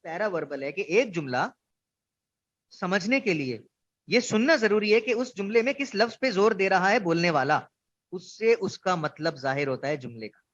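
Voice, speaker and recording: A man's voice: high voice, expressive, normal speed, a bit bright. A man giving an online orientation lecture, explaining ideas through examples and asking students questions. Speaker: instructor. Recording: dull lo-fi online class audio.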